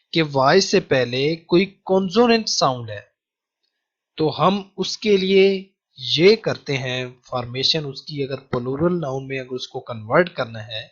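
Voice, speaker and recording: A man teaching a grammar lecture with a Pakistani Urdu accent, patiently repeating key rules slowly. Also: on the high side. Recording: dull lo-fi sound.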